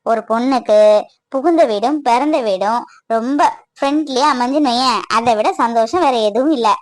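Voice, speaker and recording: Cartoon: kind sister-in-law voiced by a woman, high pitch, dry sound, reassuring. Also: normal speed, no echo, natural voice. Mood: soothing. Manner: soothing, reassuring. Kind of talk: cartoon voice acting.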